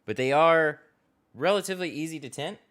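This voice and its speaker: A man's voice: fairly high pitch, brisk, fairly bright tone. A man hosting a casual livestream from a tint shop garage, chatting, laughing often and answering viewer questions as he works. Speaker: window tint installer and livestream host. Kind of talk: casual livestream chat while working.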